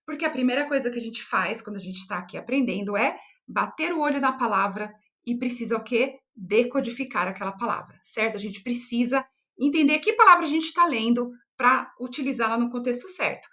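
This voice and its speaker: A bright, fairly high-voiced young woman from Brazil runs an online English lesson. She talks patiently and clearly, drilling words slowly and checking in with quick little questions as she goes. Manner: checks in often with short tag questions. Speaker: English teacher.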